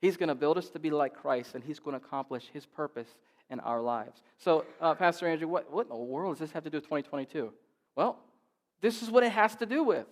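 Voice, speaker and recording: High-voiced emphatic male pastor preaching. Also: lively intonation, fairly quick, in a large hall. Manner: emphatic preaching with repeated phrases. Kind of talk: sermon. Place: church.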